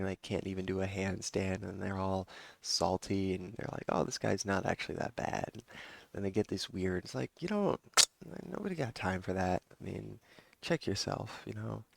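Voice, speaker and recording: A man's voice: sits low, gravelly, no echo. A man giving a casual rambling update to his viewers, with many fillers and restarts. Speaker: vlogger and yoga teacher.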